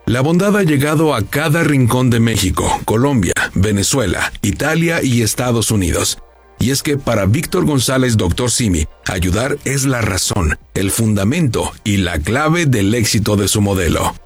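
A man reading a scripted news feature as narrator, measured and polished. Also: medium pitch, animated, slightly rough. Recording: voice-over with faint music.

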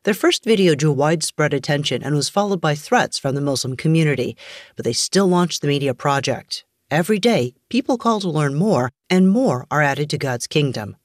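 A woman reading a scripted radio news bulletin in a measured, even delivery. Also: sits low, dry recording, clean studio sound. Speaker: news reader.

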